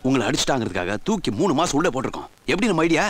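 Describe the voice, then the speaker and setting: Brief: a blunt young constable, rattling off lines very fast with a bouncing pitch. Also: male voice, big pitch swings. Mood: brash. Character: brash young male police constable. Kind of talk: film comedy acting.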